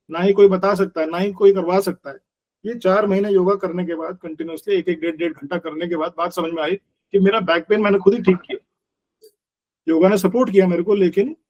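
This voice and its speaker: एक साठ वर्षीय पुरुष योग शिक्षक, जो एक बातचीत में गंभीरता से समझाते हुए हिंदी और भारतीय अंग्रेज़ी मिलाकर बोलते हैं।. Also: male voice, sits high, a little mellow. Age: 60s. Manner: earnest, explanatory, mixes Hindi and English, uses everyday analogies. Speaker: yoga teacher. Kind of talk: conversational interview.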